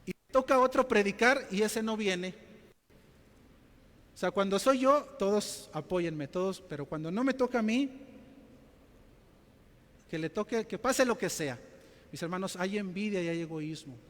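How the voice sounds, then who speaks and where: A man's voice: high voice, moderate pace, pauses often, fairly bright tone, long reverb tail. A male pastor preaching a sermon to his church, telling stories and acting out quotes, often calling out to his brothers and sisters. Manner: storytelling preacher, acts out quotes, addresses "mis hermanos".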